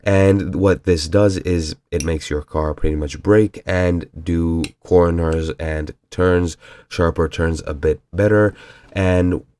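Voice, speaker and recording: A man's voice: sits low, steady tone, takes it slowly, dark tone, slight background noise. A young man with a cold and a nasal voice, casually explaining a video game mechanic as a tutorial host, with fillers and apologies. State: has a cold.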